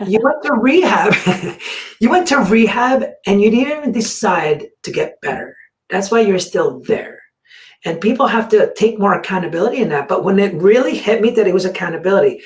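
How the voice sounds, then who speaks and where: A podcast host telling a story in a casual chat, acting out the other people's words with lively energy. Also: mid-range voice, moderate pace. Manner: animated, acts out quoted dialogue. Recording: roomy, distant mic.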